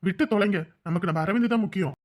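A man plays a young family friend in a TV drama who calms a weeping woman. His voice sits somewhat high. He is soft and reassuring. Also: very fast, close to an everyday voice. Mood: consoling. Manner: soothing, reassuring. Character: young man gently consoling a grieving woman. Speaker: family friend consoling the mother. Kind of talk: Tamil TV drama acting.

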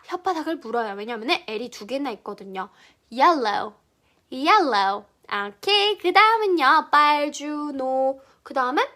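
A woman teaching English pronunciation to children, cheerful, drilling each word in slow drawn-out repeats. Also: sits high, sharp tone.

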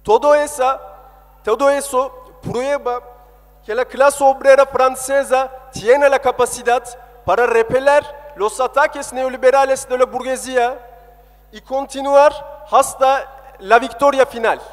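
In an echoing indoor hall with long reverb, a high-pitched political activist declaims into a lectern stand microphone routed through the PA. His pace is measured and his tone steady as he hammers out short, emphatic, impassioned lines to the rally.

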